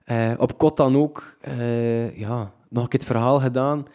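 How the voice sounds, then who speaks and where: A young man with a Flemish accent, excitedly telling a personal story with many restarts. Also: medium pitch, unhurried. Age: young adult.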